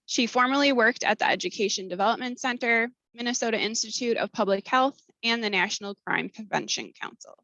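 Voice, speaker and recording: A woman's voice: fairly high pitch, brisk, hardly any pauses, bright, forceful tone, no room sound, muffled recording. Formal American woman moderator, dry sound. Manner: formal, reading aloud. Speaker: webinar moderator. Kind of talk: scripted announcements and speaker introductions.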